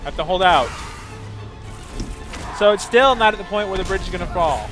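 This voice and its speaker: A man's voice: high voice, lively intonation, normal speed, music in the background. A man playing a video game and trading dry, playful banter with a friend. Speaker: let's play co-host, player. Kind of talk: casual gameplay commentary.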